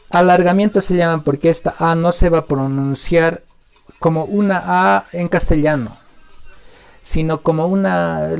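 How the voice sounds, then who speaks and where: A man with a fairly high voice teaches during a live online session, answering viewers' questions patiently. He stretches example words out slowly and pauses often to think. The audio is dull and lo-fi, with faint music underneath. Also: gravelly, darkish tone. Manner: explains patiently, drawn-out example words, many filler pauses. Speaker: language teacher.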